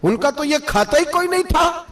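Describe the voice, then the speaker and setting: A man's voice: extremely high pitch, expressive, moderate pace, fairly bright tone, distant mic. A man preaching an emotional sermon, telling stories with impassioned, rising emphasis.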